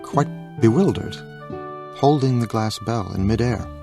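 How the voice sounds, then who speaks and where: A man narrating an audiobook in a calm storytelling manner. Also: on the low side, unhurried, music in the background.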